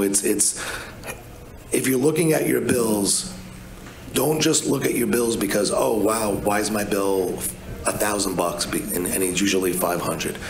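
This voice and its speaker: Gravelly new guy chatting on a panel, echoey hotel conference room. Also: on the low side, a little hiss or hum. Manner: blunt, chatty, with many restarts and "you know". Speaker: energy advisor on a conference panel. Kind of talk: casual panel talk.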